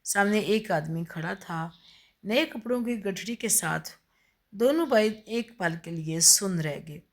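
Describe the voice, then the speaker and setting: A woman narrating a story in an earnest, gently dramatic way. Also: mid-range voice, expressive.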